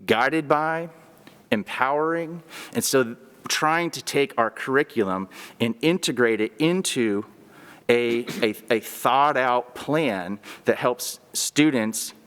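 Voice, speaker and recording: A man, a teacher, giving a formal presentation to a school board. He explains his ideas earnestly, with frequent pauses and restarts. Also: medium pitch, in a large hall. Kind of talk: formal presentation at a public meeting. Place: school board meeting room.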